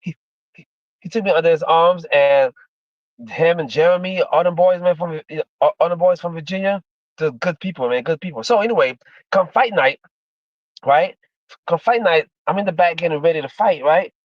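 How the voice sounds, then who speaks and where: Rambling and repetitive, a fifties-aged livestreamer from Miami, Florida, USA, an ex-MMA fighter, chats casually with viewers and keeps saying "man" and "you know." He speaks at a moderate pace in a fairly high voice, and the recording is dry and lo-fi.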